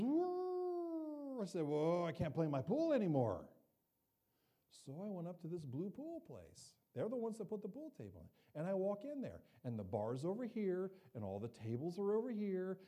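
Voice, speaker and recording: Lively, mellow-voiced man preaching. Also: sits high. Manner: conversational, humorous, acts out quoted voices. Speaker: pastor. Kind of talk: sermon with personal storytelling.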